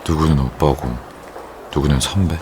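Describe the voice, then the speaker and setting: An extremely low-voiced young man, the composed executive boyfriend of a romance audio drama. He is terse and wry, teasing with understated possessiveness. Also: steady tone, normal speed, dark tone, slight background noise. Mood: cool, assertive. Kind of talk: romance audio drama acting with inner monologue.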